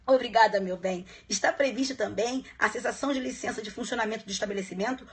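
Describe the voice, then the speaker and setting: A woman teaching law in a casual live-streamed exam review, checking in with viewers often and chatting warmly between points. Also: fairly high pitch, quick pace. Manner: chatty, warm asides to viewers, frequent "tá?" checks. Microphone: phone live stream.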